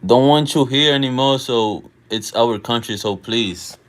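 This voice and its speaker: Reading out chat messages on a casual late-night stream, a Dominican-American man born in the US talks slangy and laid-back, constantly asking "you feel me?". His mid-range voice runs a little slow.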